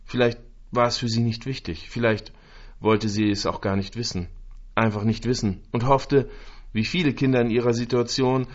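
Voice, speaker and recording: A man reading a literary story aloud in a slow, measured, emotive way with long pauses. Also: medium pitch, steady tone, lo-fi sound. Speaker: narrator.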